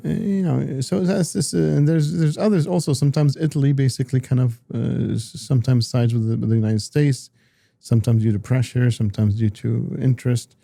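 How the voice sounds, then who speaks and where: A man talking politics as an analyst in a casual discussion, halting often with repeated words and restarts. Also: mid-range voice, steady tone, gravelly, warm tone, no room sound, studio quality.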